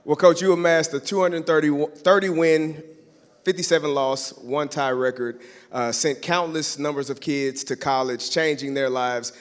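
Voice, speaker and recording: A man's voice: a little high, fairly even intonation, moderate pace. A man interviewing an honoree on stage at an awards dinner, asking upbeat, admiring questions. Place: large banquet hall. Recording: reverberant banquet hall.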